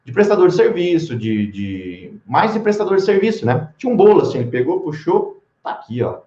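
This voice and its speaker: A man, a veterinarian, teaching business lessons in a chatty, animated storytelling way. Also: high-pitched, brisk. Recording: roomy lo-fi recording.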